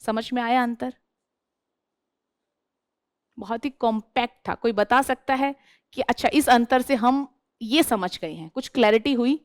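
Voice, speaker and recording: A woman's voice: on the high side, measured pace, pauses often, no room sound, studio quality. A woman teacher giving a classroom lecture who keeps asking her class questions and then answering them herself.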